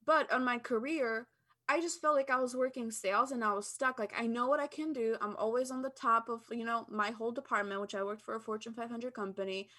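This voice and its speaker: A woman from Albania talks as a podcast guest in a casual interview, blunt and candid with no filter. Her voice sits a little high and rings bright and forceful. She speaks eagerly, piling up examples. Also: steady tone, fairly quick.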